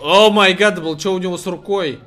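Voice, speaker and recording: A man in excited, casual gameplay chat, throwing out mock threats and insults and often laughing. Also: high-pitched, fairly quick, faint music behind. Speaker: gamer in a co-op party game session.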